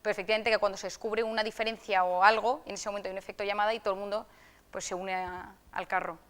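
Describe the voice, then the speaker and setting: A young woman speaker answering audience questions in a talk, telling stories in an animated way and acting out the voices she quotes. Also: medium pitch, fast talker, a little hiss or hum. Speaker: psychiatrist speaker.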